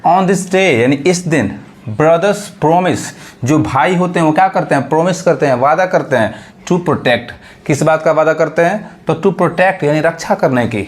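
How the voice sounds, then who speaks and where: Guy teaching english words, fairly high voice, keeps asking then answering himself. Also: measured pace. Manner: asks questions and answers them himself; repeats words and translations. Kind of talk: classroom-style vocabulary lesson.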